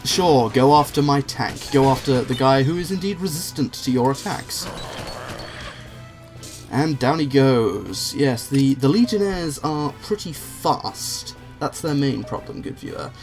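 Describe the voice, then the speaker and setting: A man's voice: medium pitch, lively intonation, measured pace, darkish tone. A man hosting a let's play with casual, wry, rambling commentary addressed to the viewer. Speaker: gaming video host. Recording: game music behind the voice.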